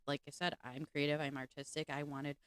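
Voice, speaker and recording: Low-voiced chatty woman from Chicago. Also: level tone, brisk, a bit bright, clean tone, no room sound. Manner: open, chatty, laughs easily. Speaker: guest, convention organizer. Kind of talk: casual podcast chat.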